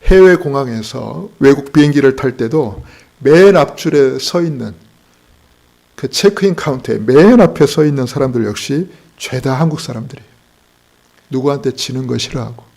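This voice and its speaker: A man preaching a Sunday morning sermon in a gravelly, fry-edged voice at a middle pitch. He puts rhetorical questions to his congregation and slips in joking stories along the way. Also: moderate pace, darkish tone. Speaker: pastor.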